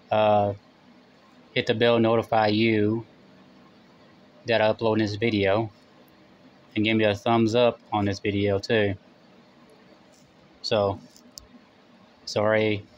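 A middle-aged man chatting casually to camera in short, halting phrases, his mouth burning from spicy food. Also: on the low side, a little hiss or hum. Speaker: vlogger doing a spicy food challenge. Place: small room indoors.

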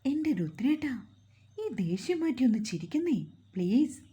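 A woman's voice: high voice, very animated, moderate pace, dark tone, breathy edge, pitched above the performer's own voice, heavily acted. A woman storyteller voicing a playful young wife who teases and coaxes her husband. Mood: coaxing. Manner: coaxing, pleading, playful.

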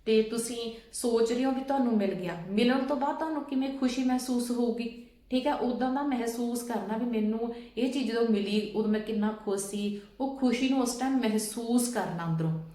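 A woman's voice: a little high, brisk, dark tone, roomy sound. A woman vlogger patiently explaining steps and often checking that listeners follow. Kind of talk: casual instructional talk.

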